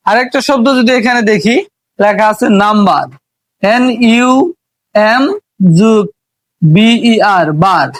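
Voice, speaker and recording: A man with a Bangladeshi accent teaching a pronunciation lesson, explaining slowly and drawing out letter sounds. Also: sits high, dry recording. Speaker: English teacher.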